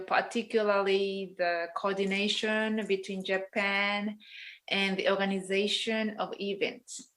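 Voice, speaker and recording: A woman, a landscape designer, giving a careful, measured conference presentation with some hesitations. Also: medium pitch, fairly bright tone. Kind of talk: formal conference talk.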